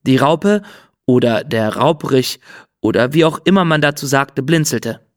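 A man narrating a children's storybook in an expressive, storytelling manner. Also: medium pitch, unhurried, no room sound, clean studio sound. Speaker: audiobook narrator.

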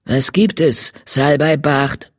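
Weary old she-cat in a storybook reading, low and breathy, close and dry, put on by the narrator. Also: slow pace, no room sound. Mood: defensive.

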